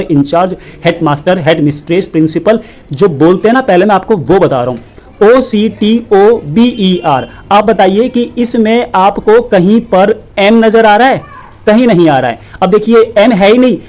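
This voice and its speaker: A man giving an online English lesson in Hindi, spelling words out slowly letter by letter and breaking into animated, scolding asides. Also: high voice. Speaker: English teacher.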